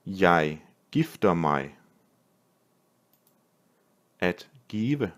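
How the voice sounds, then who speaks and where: A man, a language teacher, reading a vocabulary list word by word with pauses and repeating each phrase. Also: low-pitched, sing-song, fairly bright tone. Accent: Danish. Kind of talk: slow vocabulary drill reading.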